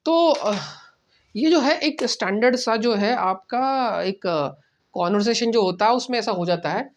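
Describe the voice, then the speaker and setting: A man teaching a casual spoken language lesson, explaining step by step, repeating phrases slowly and often checking in with "right?". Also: high voice, a little hiss or hum.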